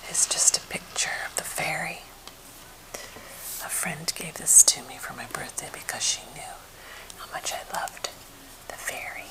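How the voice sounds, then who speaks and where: American woman doing asmr finger tapping ramble, soft breathy whisper, low voice, gentle and unhurried. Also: low-quality recording. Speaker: ASMR creator showing wooden objects.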